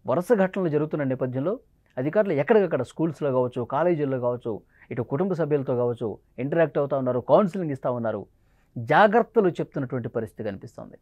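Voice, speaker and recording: A high-pitched man delivers news commentary at a brisk clip. His tone moves from pointed questions to grave reflection, and the recording is dry and dull, with a lo-fi edge. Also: expressive, darkish tone, no room sound. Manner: urgent, questioning, somber. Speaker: news presenter.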